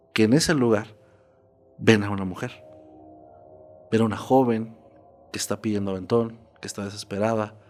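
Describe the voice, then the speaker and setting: A man's voice: lowish voice, a little mellow. A man narrating a true horror story in a casual, conversational podcast style. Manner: conversational, checks in with "¿no?".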